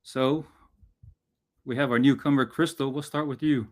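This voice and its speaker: Host, male, from American Samoa, formal and measured, mid-pitched, video-call sound. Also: steady tone. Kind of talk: hosting an online panel.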